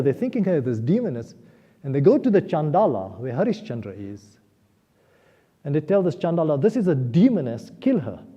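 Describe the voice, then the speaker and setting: A man giving an earnest spiritual talk in a temple hall and leading the audience to repeat words after him. His voice is very dark and mellow, at a middling pitch. The sound is dull and lo-fi, with a long reverb from the hall. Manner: earnest, has listeners repeat key words aloud. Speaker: guest speaker at a temple. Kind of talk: spiritual discourse with storytelling.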